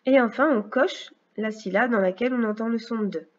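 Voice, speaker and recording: A woman teacher giving a recorded phonics lesson, speaking slowly and clearly with patient explanations for a young child. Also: on the high side, dull audio. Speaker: first-grade teacher.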